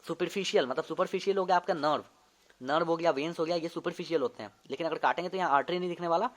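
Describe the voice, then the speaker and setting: A man's voice: on the high side, racing. A young man, a medical student, casually teaching an anatomy lesson, demonstrating movements and often repeating terms to check understanding. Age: young adult.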